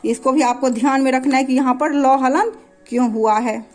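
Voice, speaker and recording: Woman, high-pitched, patient teacher, step-by-step explanation, checks in with students. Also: normal speed, a little mellow, soft background music. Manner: patient, repeats "है ना" to check understanding. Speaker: Sanskrit grammar teacher. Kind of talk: classroom lesson explaining examples.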